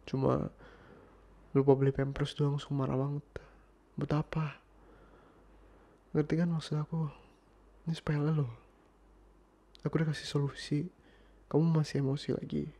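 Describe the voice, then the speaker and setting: A man's voice: on the high side, little pitch movement, moderate pace, gravelly, pauses often. A man playing an irritated young boyfriend in an ASMR role-play, arguing insistently and sometimes dropping to a whisper. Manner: exasperated, insistent, slipping into soft whispers.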